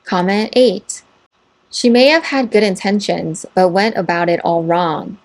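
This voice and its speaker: A woman narrating, reading online posts and their comments aloud in an even, measured way. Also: mid-range voice. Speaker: story narrator.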